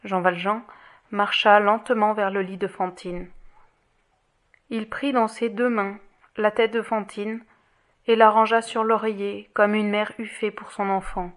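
A woman narrating a classic novel in an audiobook, reading in a measured, steady way. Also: medium pitch.

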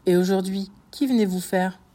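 A woman's voice: mid-range voice, normal speed, dark tone, lightly acted. A woman voicing a tormented middle-aged male prosecutor in an audiobook, crying out in frantic, pleading outbursts. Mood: hostile. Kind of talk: audiobook reading.

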